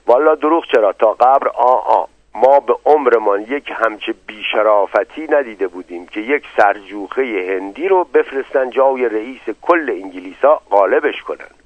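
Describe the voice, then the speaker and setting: A man voicing a chatty, boastful old male servant who talks loudly and insistently, swearing by God, in a narrow phone-like recording. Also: medium pitch, expressive, hardly any pauses, no echo, close to an everyday voice. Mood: indignant.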